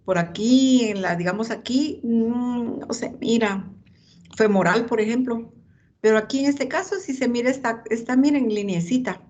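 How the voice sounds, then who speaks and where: A woman's voice: a little high, moderate pace, a little mellow, highs cut off. A woman lecturing anatomy, pointing out images and calling on students by name.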